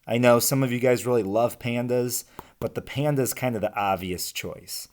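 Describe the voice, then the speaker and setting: An elementary school teacher reads a picture book aloud to young children in a medium-pitched voice at normal speed. His delivery is expressive and rhyming, and he breaks off for chatty, informal asides to his young listeners.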